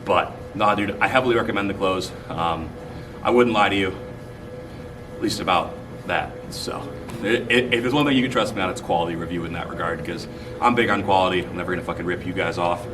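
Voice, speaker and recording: Young male fitness vlogger, very low voice, crude jokey gym talk. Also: brisk, background noise. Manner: crude, swearing, joking. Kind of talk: casual gym chat.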